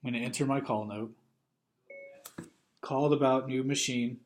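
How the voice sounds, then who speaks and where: In this software tutorial, the male narrator uses a medium-pitched voice with fairly even intonation at normal speed. He leads the viewer through each instruction methodically, as a trainer would.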